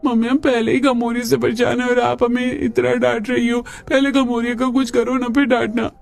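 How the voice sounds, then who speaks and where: A man's voice: very high voice, flat delivery, normal speed, gravelly, pitched above the performer's own voice. A man voicing little village children who whine and plead with their mother. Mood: whiny. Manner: whiny, pleading. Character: little village boy and girl, whining.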